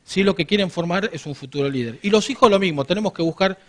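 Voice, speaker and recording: Argentine-sounding guy in his 40s running a workshop, kinda high voice, talks to the crowd. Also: fast. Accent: Rioplatense Spanish. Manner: animated storytelling, addresses the audience directly. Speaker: workshop speaker. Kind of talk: business workshop talk.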